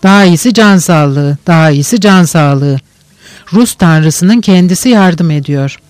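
A man's voice: fairly high pitch, a little slow, dry recording, natural voice. A man reading a sly young schemer. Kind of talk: audiobook character reading.

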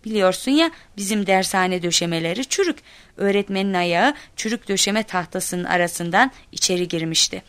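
Lively woman storyteller, dry close sound. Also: mid-range voice, moderate pace, dry recording. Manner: lively, acts out quoted shouts. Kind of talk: expressive storytelling narration.

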